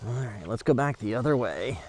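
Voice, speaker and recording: A man's voice: medium pitch, animated, fairly quick, lightly acted. A man acting as a casual, skeptical amateur creature hunter in a found-footage horror film, muttering hesitantly to his camera. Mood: musing, wary. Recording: noisy location sound.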